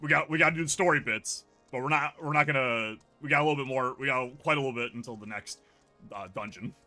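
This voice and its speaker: A man's voice: mid-range voice, quick pace, sharp tone, soft background music. A man co-streaming a game, casually explaining what comes next in a laid-back way. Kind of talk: casual gameplay chat.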